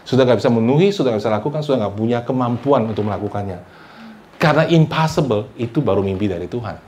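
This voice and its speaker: A male pastor delivering a sermon, often calling out to his listeners and asking for amens, and mixing English phrases into his talk. He rises loud for emphasis, then drops low and soft. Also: expressive, racing, a little hiss or hum. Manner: preaching with frequent calls of "saudara" and "amin", mixing in English phrases.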